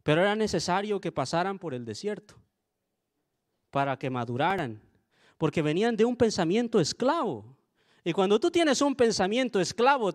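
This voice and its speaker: A young man with a noticeably high voice preaches to his congregation. He talks earnestly and conversationally and often turns to the listeners with little asides. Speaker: pastor. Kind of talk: sermon.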